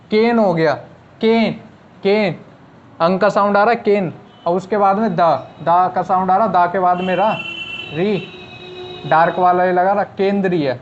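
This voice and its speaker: Heard through dull audio with a little hiss or hum, a high-voiced man patiently explains shorthand step by step in an online class. He asks rhetorical questions, then answers them himself.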